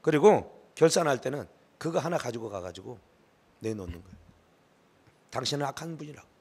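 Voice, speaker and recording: A middle-aged male pastor preaching a sermon, emphatic, swinging from hushed asides to shouted pleading. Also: mid-range voice, expressive, fairly quick, husky.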